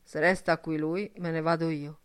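A woman's voice: low-pitched, little pitch movement, moderate pace, smooth, close to an everyday voice. A woman reading an audiobook, voicing a wary, anxious young man who speaks earnestly.

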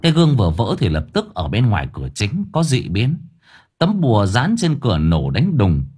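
Expressive male audiobook narrator. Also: fairly low pitch, normal speed, breathy edge. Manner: vivid, expressive storytelling. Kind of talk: dramatic story narration.

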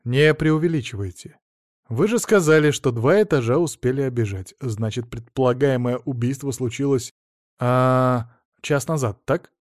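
A man's voice: medium pitch, moderate pace, a little mellow, no room sound, natural voice. Man reading a dry ironic detective. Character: calm ironic male police detective. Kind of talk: audiobook character voice.

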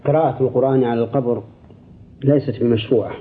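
An older male scholar answers listener questions at a steady, deliberate pace, now and then restarting a phrase. His voice sits in a middle register and comes through a thin, tinny radio signal. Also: medium pitch.

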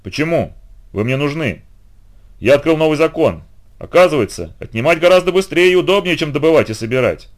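A man voicing a brutal, boastful male warrior demigod in an audiobook, loud and threatening. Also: a little high, expressive, a little fast, pitched above the performer's own voice, natural voice. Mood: boastful menace.

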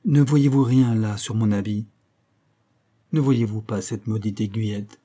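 A man reading the part of an anguished English gentleman who was once a servant, speaking in sobbing, agitated outbursts. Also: fairly low pitch, a little slow. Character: anguished English gentleman, secretly a former lackey.

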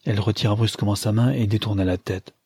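A man narrating a classic novel in a steady, measured reading. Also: fairly low pitch, breathy edge, no echo, clean studio sound. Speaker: audiobook narrator.

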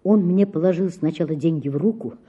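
A woman's voice: lowish voice, a little fast, slightly rough, narrow, tinny audio. A woman reading a classic novel aloud as an audiobook, with dramatic, emotional storytelling. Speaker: audiobook narrator.

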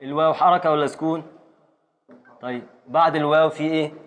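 A man's voice: fairly high pitch, steady tone, fast. A man with an Egyptian accent teaching a classroom lesson on Arabic grammar and prosody. He patiently scans verse aloud syllable by syllable and calls on his students.

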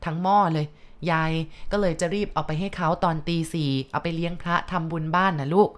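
A woman voicing an old village granny in a spoken ghost story, slow and homely in her talk, low-toned. She drawls each phrase like a tired street-food seller. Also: fairly even intonation, lightly acted. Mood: calm. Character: old village grandmother who sells food.

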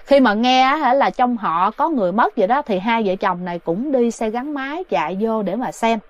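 A woman's voice: a little high, animated, a little fast, dry recording, dull audio. Chatty woman storyteller. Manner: chatty, addresses listeners directly. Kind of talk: spoken ghost story narration.

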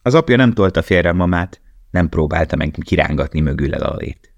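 A man reading an audiobook in a measured, grave, steady voice. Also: sits low, no room sound, lo-fi sound. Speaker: audiobook narrator. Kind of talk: scripted narration.

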